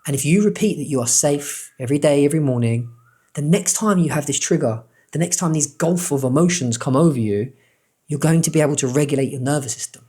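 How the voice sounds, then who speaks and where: A middle-aged man, a life coach, calmly guiding a breathing exercise with repeated, gentle instructions. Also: fairly high pitch, quick pace, slightly rough. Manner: calm, repetitive guiding instructions.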